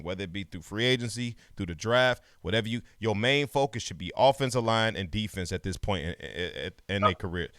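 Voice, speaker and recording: A man's voice: fairly low pitch, a bit bright, no room sound, clean studio sound. A man co-hosting a sports podcast in casual chat, rattling off lists of players and making emphatic points. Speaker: podcast co-host.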